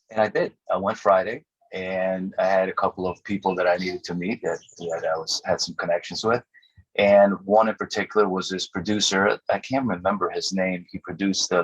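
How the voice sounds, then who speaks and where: Guy with a low husky voice telling band stories, acts out the quotes, kinda muffled lo-fi audio. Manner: animated storyteller acting out quotes, laughs often. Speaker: musician guest. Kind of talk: casual interview storytelling. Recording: dull lo-fi audio.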